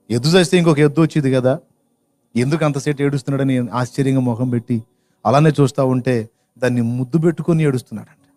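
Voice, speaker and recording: A man's voice: medium pitch, a little mellow. A man preaching a sermon, telling a story in an earnest, emotional way that swells with feeling.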